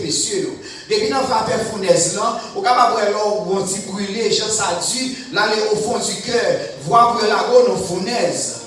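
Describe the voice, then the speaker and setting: A man preaching a sermon, repeating a short blessing between phrases and building to loud, chanted repetitions, recorded in a church sanctuary. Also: high-pitched. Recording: very echoey church from far off.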